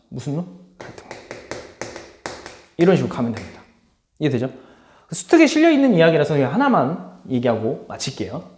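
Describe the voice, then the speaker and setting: Animated male teacher, echoey room. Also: a little high, a little hiss or hum. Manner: lively, acts out viewpoints in playful voices. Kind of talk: online lecture.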